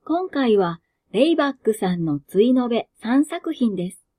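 A woman with a Kansai accent who reads short fiction aloud and then chats about it in a soft, self-mocking way. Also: a little high, big pitch swings, normal speed. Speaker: narrator and host of a reading channel. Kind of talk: reading flash fiction aloud, then casual chat.

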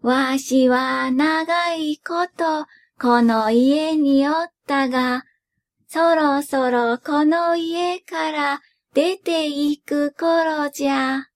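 An old poverty god from a storybook folk tale speaks in a hushed, slow, old-fashioned manner, voiced by a woman narrator. His voice sits high and never hurries. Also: full character voice. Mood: kindly. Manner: old-fashioned rustic speech, slow and soft.

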